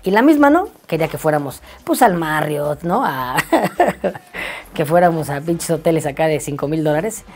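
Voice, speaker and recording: A man's voice: on the high side, expressive, moderate pace. A young Mexican man with a Mexican accent telling a funny personal anecdote in laid-back, slangy, self-mocking speech. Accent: Mexican Spanish. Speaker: storyteller. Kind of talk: casual comic anecdote.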